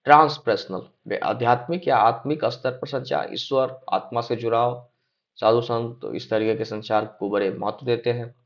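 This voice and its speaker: In a somewhat dull lo-fi recording, a young man delivers an explanatory exam-prep lecture at a moderate pace, his medium-pitched voice steady in tone. He reads points aloud, hesitates with some fillers, and keeps asking "है ना?" and "ठीक है?" to check on his listeners.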